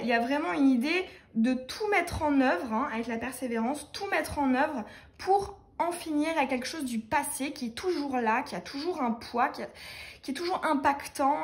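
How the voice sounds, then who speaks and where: A young woman with a high voice reads tarot cards in a loose, chatty way. She talks fast and hesitates a lot, filling the gaps with little fillers and restarting her phrases. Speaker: tarot reader. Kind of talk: casual tarot reading.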